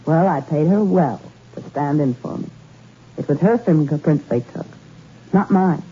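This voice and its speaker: In a 1960s-style radio drama on an old, muffled recording, an actress plays a rich young woman confessing to murder. Her deep, husky voice is unhurried and heavily acted, cool and bitter in confession before turning anguished.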